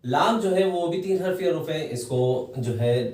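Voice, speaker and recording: A man's voice: on the high side, expressive, a little mellow. Patient male Quran teacher, chants the letters, distant mic in an echoey room. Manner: patient, repeats each letter in a drawn-out chant. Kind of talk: recorded lesson for children.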